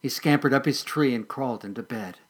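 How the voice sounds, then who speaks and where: Gentle and expressive, a man with a medium-pitched, slightly rough voice tells a children's story aloud, slowing and softening for the sad passages.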